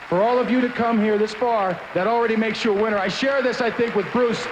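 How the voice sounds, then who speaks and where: A man's voice: high-pitched, fairly even intonation, quick pace, big-room sound, slight background noise, poor audio. A man co-hosting a live pageant on stage, speaking in an earnest, encouraging way to the contestants. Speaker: pageant co-host. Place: large indoor arena stage.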